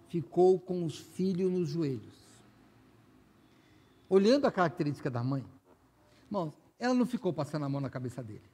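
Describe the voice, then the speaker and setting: A man with a Brazilian Portuguese accent, a pastor preaching a sermon in a conversational way, often speaking straight to the congregation. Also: high-pitched. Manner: conversational preaching, frequent direct address to the congregation.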